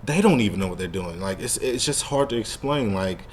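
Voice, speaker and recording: Animated and brisk, a man with a lowish voice co-hosts a casual fan podcast against slight background noise. His talk is rambling and slangy, loaded with "like."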